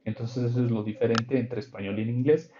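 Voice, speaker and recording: An online English grammar class is led by a man with a medium-pitched, steady voice who talks a little quickly over crowd noise. He explains patiently and checks in with his students, and the audio is dull and lo-fi.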